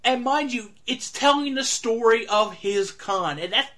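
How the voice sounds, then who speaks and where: A man's voice: extremely high pitch, measured pace, pushed and bright. A man giving a casual review monologue about a film. He talks with enthusiasm, rambles, and leans on fillers. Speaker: movie reviewer.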